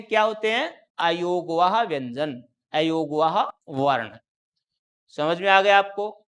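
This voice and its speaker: A man's voice: high voice, a bit bright. Hindi grammar teacher quizzing his class. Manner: explains step by step, quizzing students with repeated questions. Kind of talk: classroom lecture on a whiteboard.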